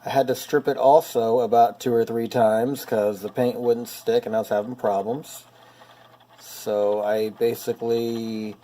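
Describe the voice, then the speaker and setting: A middle-aged man talks in a relaxed, conversational way with an ordinary mid-range voice. He pokes fun at his own mistakes with dry, wry humor as he shows his projects in a home workshop. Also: mid-range voice. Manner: chatty, self-deprecating, wry. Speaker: hobbyist channel host. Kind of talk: casual workshop vlog.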